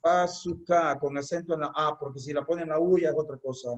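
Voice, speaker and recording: A man's voice: a little high, steady tone, fast talker, lo-fi sound. A man teaching a congregation in an online religious class, explaining step by step and repeating key phrases so they are memorized.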